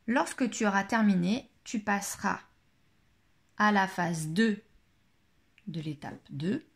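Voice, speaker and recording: A woman teaching a child a phonics listening game, saying each word twice and articulating every sound slowly and carefully. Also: mid-range voice.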